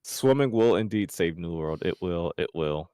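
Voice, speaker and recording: Man, podcast co-host, casual gaming chat, excitable rambling, lively pitch, dry sound. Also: normal speed, smooth, no echo. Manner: excitable, rambling, jumps up in pitch when joking.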